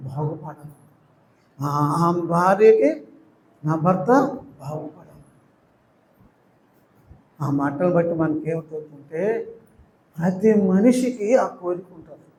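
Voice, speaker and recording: Older man, Telugu accent, impassioned sermon with rising crescendos, high pitch, roomy reverb. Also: slow, pauses often, darkish tone, a little hiss or hum. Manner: swells to emotional crescendos, retells pleas. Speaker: preacher.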